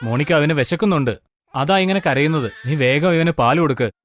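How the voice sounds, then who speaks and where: A man's voice: a little high, fairly quick, slight background noise, natural voice. A man voicing a worried young husband and father, talking in a pleading, puzzled way in a cartoon story. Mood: urging. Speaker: husband Mayank.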